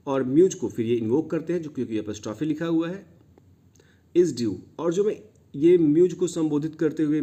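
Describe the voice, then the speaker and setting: A man teaching a poem line by line, explaining to students and slowly quoting English words. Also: fairly high pitch, warm tone. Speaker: literature teacher.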